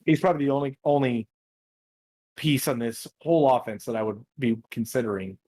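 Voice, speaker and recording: A man's voice: mid-range voice, fairly quick, warm tone. A man co-hosting a casual fantasy football podcast, blunt and opinionated, often repeating himself. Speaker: podcast co-host.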